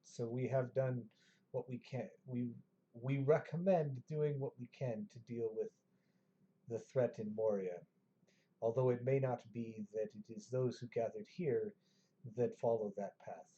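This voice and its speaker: A man voicing a grave, formal elder of a wizard council, slow and deliberate. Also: mid-range voice, steady tone, dark tone, lo-fi sound, slight background noise, close to an everyday voice. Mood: solemn.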